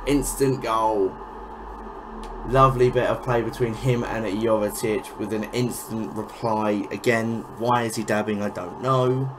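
A man's voice: lowish voice, fairly even intonation, background noise. Young man, sweary gaming commentary. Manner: frustrated, swearing, quick exclamations. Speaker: gaming YouTuber. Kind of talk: casual gameplay commentary.

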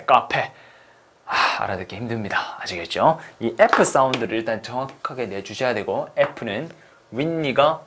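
Man, online English lesson, lively pitch, slow repeat-after-me drills, faint hiss. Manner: lively, drills phrases slowly for repetition. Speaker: English teacher.

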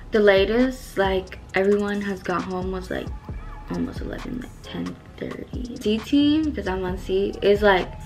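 A teenage girl vlogging her morning routine in a casual, chatty way, filling her talk with "like" and slang. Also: mid-range voice. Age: teens. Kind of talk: casual chat to camera. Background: background music.

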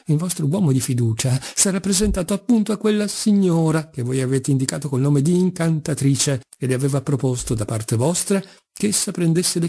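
A man's voice: mid-range voice, breathy edge. A man voicing a furious proud young son. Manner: indignant, forceful, declaiming. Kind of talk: audiobook character reading.

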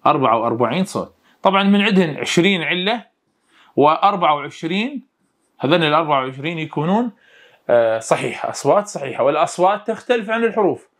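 A man with an Iraqi Arabic accent giving a university phonetics lecture in casual dialect, slowing right down to dictate definitions word by word. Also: a little high, animated, fairly bright tone. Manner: explains in colloquial dialect, slows right down to dictate English definitions. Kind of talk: recorded lecture.

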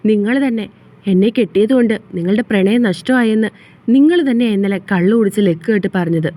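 A woman's voice: mid-range voice, brisk, warm tone, lightly acted. Woman reading as a hurt, defiant young wife. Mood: accusing. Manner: accusing, reproachful.

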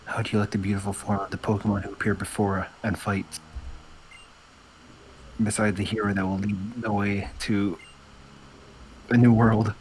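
Man playing a flat, solemn young rival. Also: fairly low pitch, normal speed, pauses often, a little hiss or hum, lightly acted, low-quality recording. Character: calm, solemn young male idealist rival. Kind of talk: reading video game dialogue in character.

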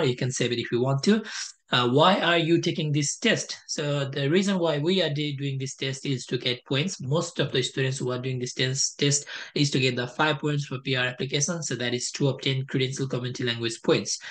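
A man's voice: mid-range voice, a bit bright. A young man from Nepal giving a casual step-by-step screen-share tutorial on a headset mic at home, with many fillers and restarts. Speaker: test prep tutor. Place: indoor home room.

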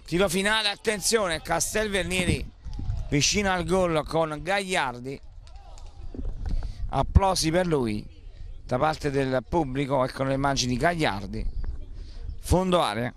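A man commentates a local football match. He follows the play in short phrases that lift with the action. The sound is outdoors, with clear noise behind him. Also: fairly high pitch. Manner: measured play-by-play in short phrases, rising excitedly at shots and goals.

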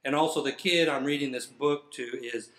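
Standing indoors before a fire truck, a middle-aged firefighter gives a theatrical, playfully over-the-top reading of a children's book. His mid-range voice is fairly bright and moderately paced, with a roomy, echoing sound.

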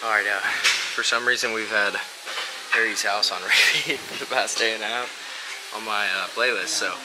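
A young man filming a casual gym vlog, chatting between sets with relaxed fillers into a handheld camera in a large indoor gym. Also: on the low side, normal speed, very noisy. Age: young adult. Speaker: fitness vlogger. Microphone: handheld camera mic. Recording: loud music playing behind. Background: loud gym music.

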